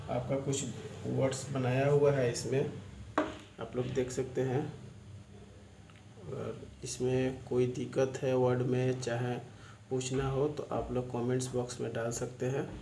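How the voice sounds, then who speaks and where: A man's voice: mid-range voice, flat delivery, a little slow, gravelly, long pauses. A man teaching a shorthand lesson online, explaining step by step and spelling words out letter by letter. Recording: echoey room with faint ambient noise.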